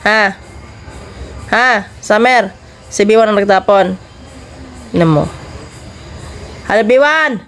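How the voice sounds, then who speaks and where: A woman filming her dogs at home, scolding them and calling them over in a chiding, coaxing voice, then talking more quietly to viewers. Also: medium pitch, expressive, slow, long pauses, slight background noise. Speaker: dog owner filming her pets. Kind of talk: casual vlog narration.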